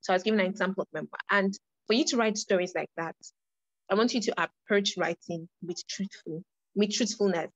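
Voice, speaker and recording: A woman's voice: mid-range voice, a little fast, no room sound, lo-fi sound. A young woman leading a creative writing workshop, earnest, often repeating and restarting her phrases. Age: young adult.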